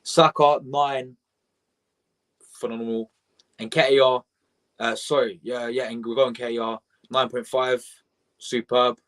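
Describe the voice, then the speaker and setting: A young man, rambling excitably as he reacts live to a match and chats with viewers. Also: medium pitch, slow, pauses often. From England. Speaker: fan channel host.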